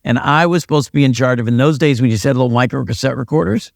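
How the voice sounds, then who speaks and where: Older guy, gravelly voice, wry self-deprecating storyteller, dry close sound. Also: mid-range voice, fast, no room sound. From United States. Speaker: retired police sergeant and pastor, guest. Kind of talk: casual interview storytelling.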